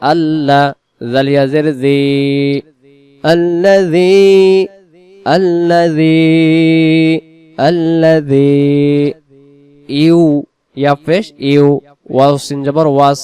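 A man teaching correct pronunciation word by word, drawing out slow syllables and repeating each word. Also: fairly high pitch, mellow, clean tone. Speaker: Quran recitation teacher.

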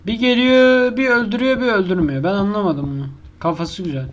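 A man's voice: high-pitched, brisk, slight background noise. Jumpy, foul-mouthed man commenting on a game. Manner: crude, swears a lot, talks to the game's monster; jumpy, yelps when scared. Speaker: horror game YouTuber. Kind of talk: live gameplay commentary.

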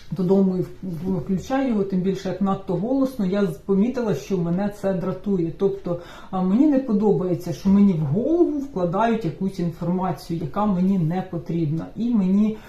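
Mellow-voiced woman chatting. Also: mid-range voice, roomy sound, far from the mic. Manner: relaxed and chatty, with frequent filler sounds and restarts. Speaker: vlogger. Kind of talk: casual personal vlog monologue.

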